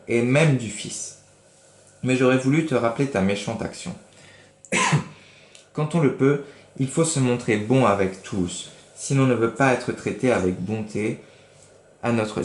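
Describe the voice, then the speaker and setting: A man's voice: mid-range voice, normal speed, a little mellow, reverberant, close to an everyday voice. A man reading aloud and voicing a small, wise talking cricket in a storybook, reproachful and lecturing.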